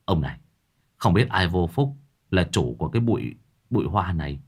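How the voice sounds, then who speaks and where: A man's voice: very animated, fairly quick, breathy edge, heavily acted. A man voicing a nervous young male policeman who mutters under his breath. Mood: uneasy. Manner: mumbling, low.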